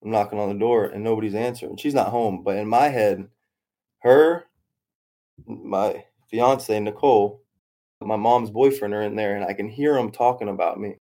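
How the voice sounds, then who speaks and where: Speaking at a normal speed in a mellow, lowish voice, a young man tells a rambling story from his own life in casual talk. He keeps repeating himself and performs other people's lines as quotes.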